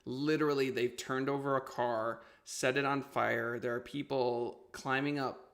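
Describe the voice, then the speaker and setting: A man hosting an interview show, talking in a casual, informal and halting conversational way. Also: medium pitch, steady tone, a bit bright.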